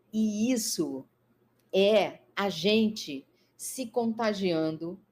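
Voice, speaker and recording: A woman with a Brazilian Portuguese accent, a psychologist guest explaining her ideas in a conversational talk, thoughtful and full of fillers and restarts. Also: medium pitch. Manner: thoughtful, many fillers and restarts, lively emphasis.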